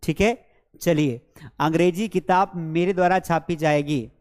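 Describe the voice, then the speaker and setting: Slow-drilling Hindi-speaking English teacher, man. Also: fairly high pitch, fairly even intonation, big-room sound. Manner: slow, drilled repetition of example sentences; coaxing, checks understanding with repeated questions. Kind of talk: live online class, teaching passive voice. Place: studio with a board and screens.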